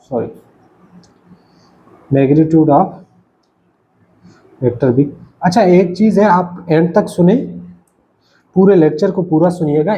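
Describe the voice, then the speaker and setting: With a fairly high pitch and a dark tone, a man lectures at a writing board, patiently repeating his explanations and pausing frequently to confirm his students are following. The recorded lecture has a dull, lo-fi sound.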